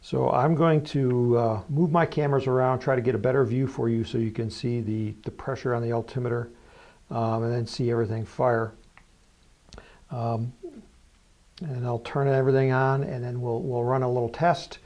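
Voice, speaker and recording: A man's voice: mid-range voice, flat delivery, normal speed, darkish tone. A man presenting a hands-on hobby tutorial in a casual, plain-spoken, explanatory way. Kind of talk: casual hands-on demonstration narration.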